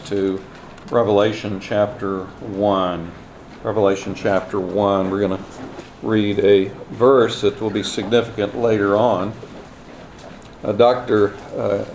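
A man giving a sermon lecture at a pulpit microphone, measured and plain-spoken, with many small fillers. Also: lowish voice, a little mellow, a little hiss or hum. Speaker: guest preacher and lecturer.

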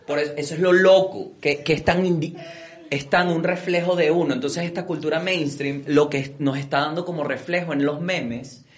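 A man's voice: fairly high pitch, fairly even intonation, normal speed. A young Venezuelan man co-hosting a comedy show, talking casually and acting out bits in put-on voices. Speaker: comedian co-host. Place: stage before live audience.

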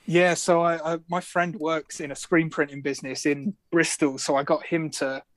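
A man chatting as an interview guest, his voice a little high. He is self-deprecating and quick to laugh, with plenty of hesitant restarts, recorded close and dry. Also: flat delivery, fairly bright tone, no room sound. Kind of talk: casual interview chat.

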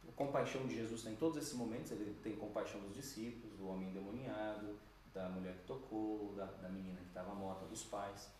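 A man preaching a sermon, telling stories in an animated way and acting out the voices he quotes. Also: fairly low pitch, brisk, few pauses, heavy reverb, far from the mic, slight background noise.

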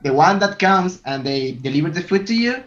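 A man, a podcast guest talking casually with halting fillers and restarts. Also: a little high, lively intonation. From Venezuela. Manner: halting, many fillers and restarts, laughs often. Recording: roomy, dull lo-fi sound.

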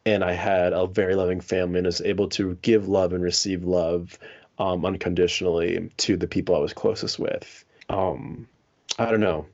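A man's voice: low voice, little pitch movement, normal speed, darkish tone, highs cut off. A man co-hosting a podcast, chatting casually about a movie and thinking aloud with fillers. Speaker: podcast co-host.

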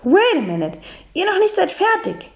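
A woman's voice: very high-pitched, wildly swooping pitch, normal speed, pitched above the performer's own voice, heavily acted. A woman voicing a prim, eccentric English lady who speaks German with an English accent and broken word order. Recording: dull lo-fi recording.

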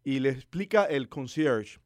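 A man's voice: medium pitch, measured pace, no echo, studio quality. A man preaching a conversational sermon, telling stories and putting questions to his listeners. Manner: animated storytelling preacher, asks listeners questions.

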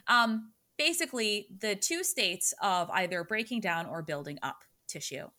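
A woman's voice: mid-range voice, expressive, moderate pace, bright, forceful tone. A woman hosting a podcast interview, talking in a conversational, slightly playful way. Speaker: podcast host.

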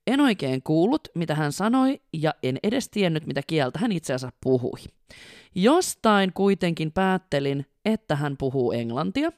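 A woman co-hosting a casual podcast as a flight attendant, excitable, laughing and swearing casually, reading listener stories aloud. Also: deep voice, dry recording, clean studio sound.

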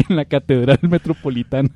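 A young man with a Costa Rican accent, co-hosting a podcast and telling stories in an animated way, sometimes jumping into a child's shrill voice. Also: normal speed. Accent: Costa Rican Spanish. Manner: animated storyteller, acts out childish shouts. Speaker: podcast co-host. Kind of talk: casual comedic chat.

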